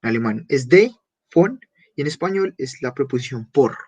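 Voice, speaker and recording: A man teaching a beginner German class, patiently repeating German phrases slowly and clearly. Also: medium pitch, animated, a little mellow.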